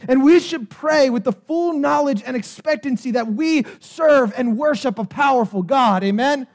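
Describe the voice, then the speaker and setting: A man preaching a sermon as pastor, passionate and building to shouted calls for the congregation to answer. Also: very high voice, normal speed.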